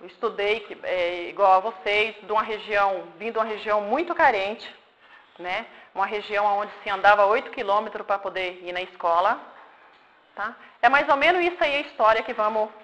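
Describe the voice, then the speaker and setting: Speaking brisk and a bit bright in a mid-range voice, this Paraná, Brazil woman in her forties shares her life story with children. The informal talk takes audience questions, and she explains simply and warmly, frequently asking "tá?" or "né?" to confirm they understand. The sound is lo-fi.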